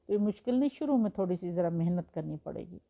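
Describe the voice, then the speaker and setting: A woman's voice: on the low side, animated, creaky, dull audio. A woman teaching Quran recitation in a patient, explanatory way, using examples and rhetorical questions. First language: Urdu. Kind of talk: explanatory religious lesson.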